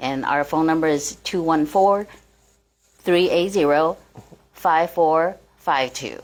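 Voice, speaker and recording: Woman, forties, low voice, hesitant casual guest talk. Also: unhurried. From Taiwan. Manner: hesitant, searching for words. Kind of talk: casual interview.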